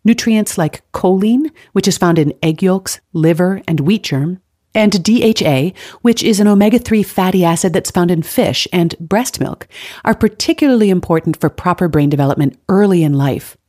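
A woman's voice: on the low side, animated, normal speed, warm tone. A woman hosting an advice podcast, reading scripted tips in an upbeat, tidy, organized way. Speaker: podcast host giving nutrition advice.

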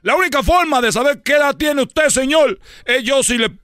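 A man's voice: very high voice, normal speed, a bit bright, dry recording, clean studio sound. A man voicing a rambling comic character who tells a long story, repeating himself and laughing at his own jokes. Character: rambling man, son of a dictator. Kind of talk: comedy sketch storytelling.

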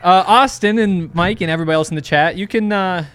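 A man's voice: sits high, fast talker, a bit bright, clean tone. A man co-hosting a sports betting show in casual, bantering chat.

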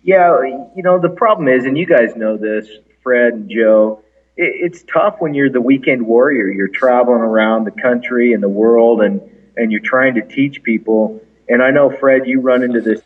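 A man talks in a casual, conversational way from a big, echoey conference hall. He sits away from the microphone, and the narrow, phone-like line leaves his words a little husky and unclear. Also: medium pitch, moderate pace. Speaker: clinic founder being interviewed. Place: large echoey conference room, indoors. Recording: echoey big conference room, band-limited, distant.

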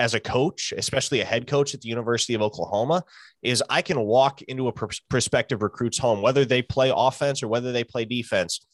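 A man talking college football with conviction, laying out his argument like a recruiting pitch. His voice sits in an ordinary middle register. The sound is dry and close. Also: fairly bright tone, no room sound. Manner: emphatic, speaks as if pitching to a recruit. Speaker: college football show host. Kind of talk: sports talk analysis.

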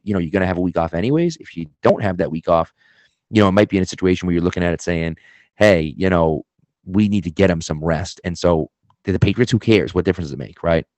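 A man's voice: deep voice, a little mellow, no room sound. A man with a mild Boston accent giving casual sports analysis as a podcast guest.

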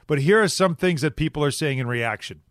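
Middle-aged male sports radio host, fifties, slightly high voice, emphatic and conversational, very dry recording. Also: animated, fairly quick, no echo. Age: 50s. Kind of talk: casual sports talk chat.

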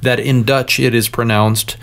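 A man's voice: medium pitch, level tone, unhurried, vocal fry, fairly bright tone. A man co-hosting a casual podcast, explaining a spirit with an easygoing, joking manner. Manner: explanatory, joking, enthusiastic about drinks. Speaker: podcast co-host. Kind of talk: casual chat.

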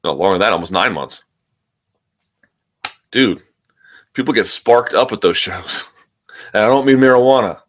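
A man with a low-pitched voice talks like the host of a combat sports show. His commentary is casual and opinionated, and he tends to repeat words and restart phrases as he makes his point. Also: lively intonation, normal speed, pauses often.

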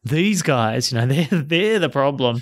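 A man's voice: mid-range voice, expressive, a little slow, no echo. A man hosting a casual conversation, agreeing and adding light joking remarks.

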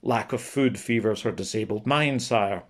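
A blunt older priest with a dry, practical way of speaking, as a narrator puts him on. He states things flatly, with little softness. The feel is of a storybook read aloud. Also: on the low side, normal speed, close to an everyday voice. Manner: blunt, matter-of-fact.

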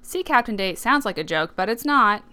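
A woman's voice: mid-range voice, expressive, normal speed, sharp tone, clean tone. A woman co-hosting a casual podcast, talking in a wry, skeptical, amused way. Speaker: podcast co-host.

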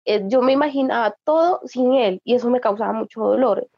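A young woman giving a halting, grief-filled personal account in an interview. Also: on the high side, no echo, dull audio. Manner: grieving, halting, emotional. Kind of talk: personal testimony.

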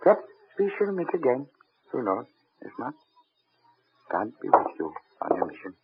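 Fatherly priest, wry, lively intonation, old radio drama, noisy dull recording. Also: mid-range voice, normal speed. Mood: gentle, wry. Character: fatherly, wry French village priest in wartime. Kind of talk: old-time radio acting. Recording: dull vintage radio with heavy noise.

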